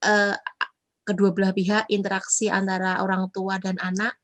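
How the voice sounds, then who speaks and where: A woman's voice: mid-range voice, monotone, moderate pace. A woman, moderating a Q&A politely and hesitantly, with many fillers.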